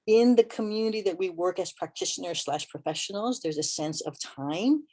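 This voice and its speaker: A woman evaluator giving a webinar presentation in a measured way, pausing often with ums and asides. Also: lowish voice, warm tone.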